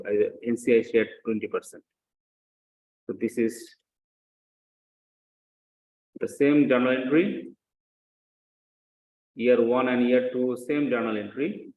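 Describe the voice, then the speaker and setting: An accounting lecturer with a medium-pitched, darkish voice works through an example step by step, repeating phrases and asking short questions to check understanding. The echoey room gives a dull, muffled sound with slight background noise.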